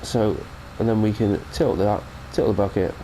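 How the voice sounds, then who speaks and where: In a low, dark, steady voice at a moderate pace, a British gaming host with a cold talks casually through a farming game mod, rambling and correcting himself as he goes. Slight background noise and poor audio mark the clip.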